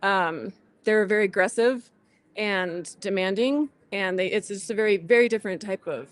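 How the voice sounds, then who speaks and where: A woman's voice: medium pitch, moderate pace. A woman explaining things plainly as a guest in a casual interview. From southwestern New Mexico, USA. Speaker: rancher and podcast guest.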